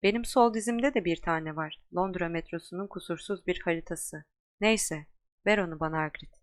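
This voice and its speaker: A woman voicing an old, calm, wise male wizard headmaster in an audiobook, unhurried and gently wry. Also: fairly low pitch, close to an everyday voice.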